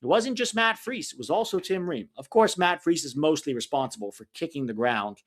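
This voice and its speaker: Fairly high in pitch with lively intonation, a man co-hosts a live-stream soccer watch-along, making casual match commentary. His accent is mixed and hard to place, and he's blunt and opinionated, readily venting his frustration.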